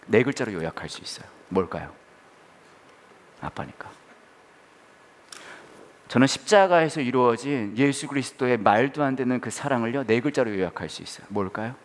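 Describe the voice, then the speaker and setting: A man in his forties preaching a sermon, telling a family story with animated, lively delivery. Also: mid-range voice. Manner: animated storytelling, loud acted outbursts. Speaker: pastor.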